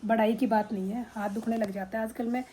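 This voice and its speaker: A woman's voice: on the high side, fairly even intonation, fast talker, warm tone, slight background noise, rough recording. A middle-aged woman vlogging casually into a handheld phone at home, frank and rambling with many fillers. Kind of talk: casual talk to camera. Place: drawing room at home. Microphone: phone held in hand.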